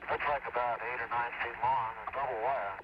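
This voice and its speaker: A man's voice: mid-range voice, level tone, brisk. A man speaking in clipped procedural radio talk over a space-to-ground radio transmission, as an astronaut or flight controller. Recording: muffled noisy 1960s radio link.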